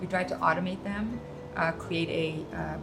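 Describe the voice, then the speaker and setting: A middle-aged woman from Suriname chats as a guest in a cafe. She talks in a relaxed, storytelling way, her pitch sitting a bit low. Guitar music plays clearly under her voice. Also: normal speed, low-quality recording. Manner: relaxed, storytelling, frequent ums and uhs. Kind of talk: casual interview chat.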